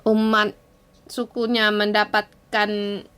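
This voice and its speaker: A woman's voice: mid-range voice, little pitch movement, slow pace, a bit bright, smooth. A woman giving a morning devotion and leading an earnest, pleading prayer in short phrases. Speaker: devotion speaker.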